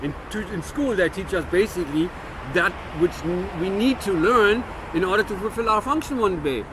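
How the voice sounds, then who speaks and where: A German man in his fifties with a German-American accent muses earnestly to camera as a vlogger, restarting often in his reflective monologue. His voice sits high and expressive at a moderate pace, with background noise audible.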